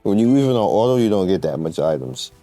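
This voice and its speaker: A gamer walks viewers through a game guide in a low, mellow voice, very animated and quick. His commentary is casual and slangy, rambling as he explains. The recording has no room sound, with soft music in the background.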